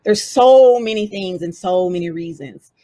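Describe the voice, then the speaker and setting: A woman with a Southern US accent giving a lively, conversational motivational talk as a DEI speaker and author. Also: mid-range voice, unhurried.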